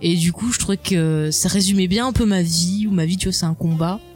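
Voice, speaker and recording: Chatty expressive woman guest. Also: on the low side, fairly quick, faint music behind. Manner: chatty and expressive, laughs often, swears casually. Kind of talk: casual conversation.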